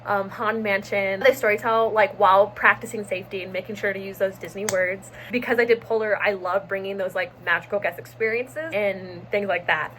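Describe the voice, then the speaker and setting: A young woman vlogging in a casual, excitable way, chatting quickly and nervously with frequent laughs. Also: mid-range voice, slight background noise, rough recording. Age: young adult. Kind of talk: casual vlog chat.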